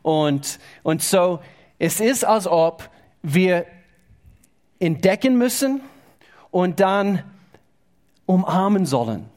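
A male pastor preaching a sermon in a halting way, often repeating words as he goes. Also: sits high, animated, darkish tone. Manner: halting, repeats words, informal slightly unidiomatic German.

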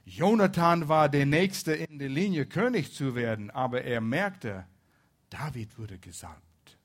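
A man preaching a sermon, retelling a Bible story and shifting between soft asides and loud emphasis. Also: mid-range voice, expressive, a little slow.

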